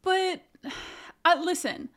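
A woman co-hosting a podcast in casual chat, quick with asides and often laughing. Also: extremely high pitch, fairly bright tone. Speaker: podcast co-host.

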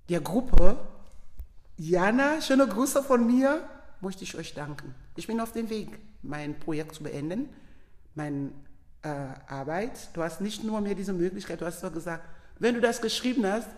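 A woman's voice: on the low side, big-room sound. A middle-aged woman from Leone, a guest telling a personal story with feeling and acting out the dialogue, speaking. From Sierra Leone. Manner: animated, acts out quoted dialogue.

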